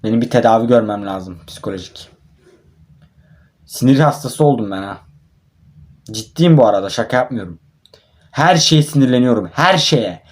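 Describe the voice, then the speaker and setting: A man's voice: mid-range voice, lively intonation, brisk. A young man commentating his own mobile football match, frustrated and swearing at his players. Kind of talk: live gameplay commentary.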